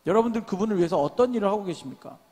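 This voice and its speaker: A man's voice: high-pitched, animated, very fast, dark tone, big-room sound. A young man preaching a sermon to a young adults' service, asking the congregation many questions and calling for amens. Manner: calls for responses and amens. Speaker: pastor. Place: church sanctuary.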